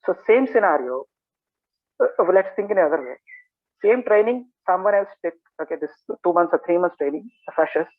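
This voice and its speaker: Fast Telugu-accented Indian man, tinny phone-like audio. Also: high voice, animated. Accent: Telugu Indian English. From Andhra Pradesh, India. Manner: repeats "okay" and "like" as verbal tics. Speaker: software trainer answering questions. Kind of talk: casual live Q&A teaching.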